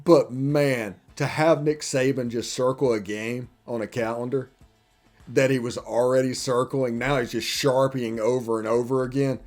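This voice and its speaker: A man's voice: mid-range voice, fairly even intonation, moderate pace, darkish tone, faint music behind. A man hosting a college football podcast in casual chat, joking with loose run-on sentences. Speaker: podcast host.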